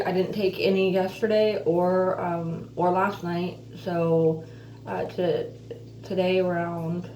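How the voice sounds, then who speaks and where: A woman vlogger talks casually and earnestly, rambling and pausing as she goes. Her missing front teeth soften and slur her F sounds, and her voice sits a little low. The recording is echoey and somewhat distant, with faint noise behind her. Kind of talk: casual personal update vlog, chatty. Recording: roomy echo, distant mic, faint noise.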